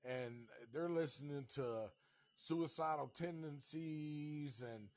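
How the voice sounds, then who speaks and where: Slow and a little mellow, his fairly high voice carries with no echo. The Nashville, Tennessee native in his fifties hosts a laid-back livestream chat, rambling and cursing freely.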